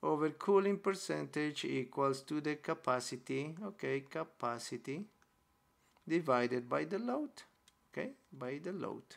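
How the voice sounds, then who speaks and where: Gravelly-voiced man teaching HVAC sizing. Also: fairly high pitch, lively intonation, measured pace. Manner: explanatory, repeats key terms, frequent "okay?" checks; self-correcting restarts. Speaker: HVAC instructor. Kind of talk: screen-recorded technical lesson. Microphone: voice-over on a whiteboard screen recording.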